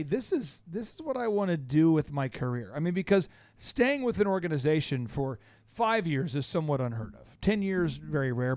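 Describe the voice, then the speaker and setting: This podcast host has a fairly high, slightly mellow voice captured in a dry studio recording. Running a business talk show, he delivers a spirited intro and then questions his guest, joking around and being self-deprecating.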